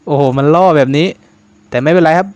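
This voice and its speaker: ผู้ชายเสียงสูง เล่นเกมสยองขวัญแบบตกใจง่าย. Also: male voice, a little high, fast, a little mellow, no room sound. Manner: jumpy, swears casually, talks to viewers. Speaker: gaming YouTuber. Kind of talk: horror game commentary.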